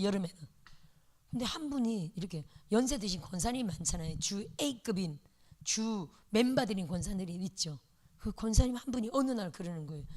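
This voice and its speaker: A middle-aged woman pastor giving a sermon lecture, telling stories in an animated way with playful sound words. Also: mid-range voice.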